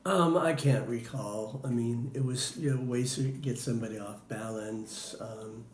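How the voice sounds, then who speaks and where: A man's voice: medium pitch, measured pace. Guy telling stories in an interview, lots of ums, echoey room. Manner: hesitant, many fillers. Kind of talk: casual interview answers. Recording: roomy with faint noise.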